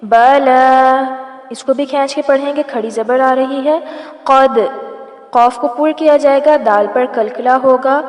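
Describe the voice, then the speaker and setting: A woman teaching Quran recitation, giving brisk explanations between slow, drawn-out recited verses. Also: sits high, a little mellow. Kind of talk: tajweed lesson, explaining and reciting. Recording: echoey room with long reverb and faint music.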